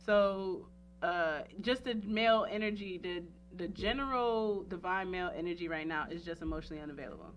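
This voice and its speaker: A woman with a fairly low voice talks fairly quickly on a talk show, rambling emphatically and candidly about her personal life and often checking in with "you know what I'm saying." The audio is dull, with slight background noise.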